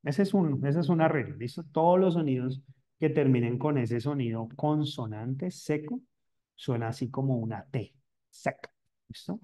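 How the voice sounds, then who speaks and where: A man's voice: mid-range voice, moderate pace, mellow. Man teaching English grammar in two languages. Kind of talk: bilingual grammar lesson.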